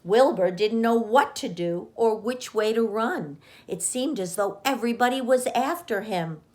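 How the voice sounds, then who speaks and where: A woman narrating a children's storybook as a read-aloud reader, with expressive delivery. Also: on the high side, a little slow.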